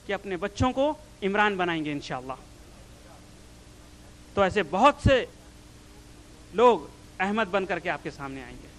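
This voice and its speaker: A man with a notably high-pitched voice lectures before an audience, explaining things earnestly. His delivery swells with emphatic rises as he answers questions from the floor. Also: a bit bright, poor audio. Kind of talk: public religious talk.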